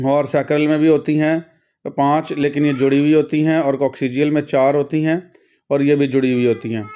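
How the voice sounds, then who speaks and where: A man's voice: medium pitch, warm tone. A middle-aged man, patiently explaining a pharmacy lecture to students and mixing in English terms. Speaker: pharmacy teacher. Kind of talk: recorded classroom lecture.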